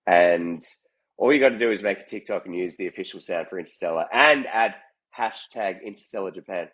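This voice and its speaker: A man's voice: sits low, brisk, fairly bright tone, muffled recording. A man, a musician guest, with a nasal voice, talking on earbuds in a video call and laughing often. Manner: laughs a lot, upbeat. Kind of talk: casual chat.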